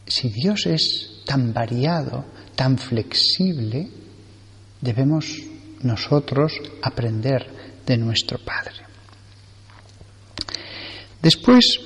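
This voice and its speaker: A man from Spain preaching a sermon as a priest, slow and earnest, repeating phrases for emphasis. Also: mid-range voice, long reverb tail. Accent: Spanish from Spain.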